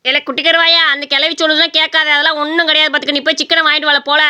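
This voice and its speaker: Brief: woman doing a brusque, stingy cartoon man, fast-talking. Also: high voice, level tone, over music, close to an everyday voice. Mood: dismissive. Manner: brusque, dismissive. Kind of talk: cartoon voice acting.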